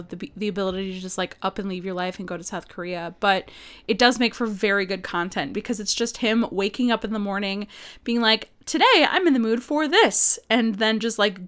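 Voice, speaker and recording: A woman's voice: mid-range voice, fairly bright tone, clear, resonant tone. A woman co-hosting a podcast from a home study, chatting casually with many fillers and frequent laughs. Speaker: podcast co-host. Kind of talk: casual chat.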